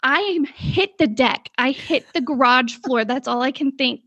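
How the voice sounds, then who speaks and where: A woman's voice: sits high, lively intonation, measured pace, fairly bright tone, no room sound. A woman co-hosting a casual chat show, a rambling storyteller who goes off on tangents, recorded with a dull, slightly lo-fi sound. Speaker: podcast co-host.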